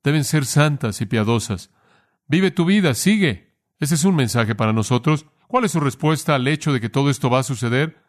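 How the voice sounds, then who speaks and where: Earnest preacher man asking rhetorical questions. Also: medium pitch. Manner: earnest, asks rhetorical questions and answers them; slows down to stress key phrases. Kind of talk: sermon with closing prayer.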